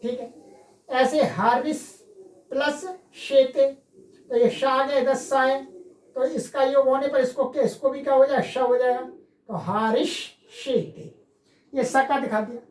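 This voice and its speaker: A woman's voice: high voice, steady tone, measured pace, darkish tone, roomy sound, rough recording. A woman teaching Sanskrit grammar, explaining step by step and asking and answering her own questions. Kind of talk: classroom lecture.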